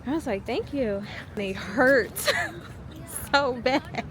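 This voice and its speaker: A woman's voice: sits high, lively intonation, very slow. Chatty woman vlogger, noisy background. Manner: chatty, laughs often, many "like" fillers. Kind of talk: casual vlog chat.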